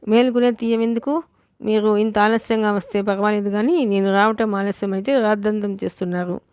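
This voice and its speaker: A woman's voice: medium pitch, fairly even intonation, a little fast, darkish tone, smooth, dry recording, lightly acted. A fretful old grandmother who scolds and grumbles, as a woman narrator puts her on. Her voice is dry and close, with little rise and fall. She sounds like a character from an audiobook reading. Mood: scolding. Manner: scolding, complaining.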